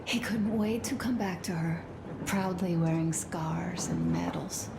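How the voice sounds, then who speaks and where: A young wife in a video game, confiding tenderly in her husband. She speaks slowly and softly, in a reflective, intimate way. There is clear ambient noise behind the voice. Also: lowish voice, lively intonation. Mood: mournful.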